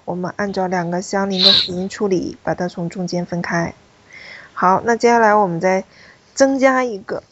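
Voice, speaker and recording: A woman's voice: medium pitch, dull audio, background noise. A woman teaching a French pronunciation class, explaining rules step by step and calling on students. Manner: explanatory, repeats key points, calls on students.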